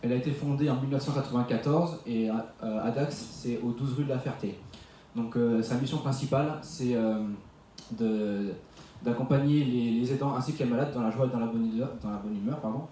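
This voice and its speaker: French teen student presenter, mellow, distant and echoey. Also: male voice, mid-range voice, a little fast, slight background noise. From France. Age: teens. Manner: explanatory, with fillers. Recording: echoey room from far off.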